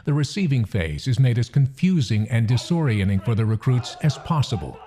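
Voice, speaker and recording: A man reading scripted documentary narration in a measured, solemn delivery. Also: mid-range voice, sing-song, mellow.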